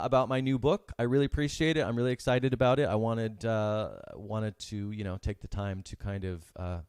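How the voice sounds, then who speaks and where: A man hosting his own podcast, chatty and upbeat, often pausing with fillers as he signs off. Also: fairly low pitch, clean tone, no echo, studio quality. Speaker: podcast host and author. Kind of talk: casual live-stream sign-off.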